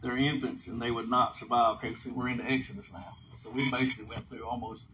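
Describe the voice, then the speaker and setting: Speaking quickly with little pitch movement, this mid-range, sharp-toned teacher reads aloud from the Bible and explains it in an informal, instructive lesson, frequently pausing for a short "okay?". The audio is dull and lo-fi with faint noise behind it.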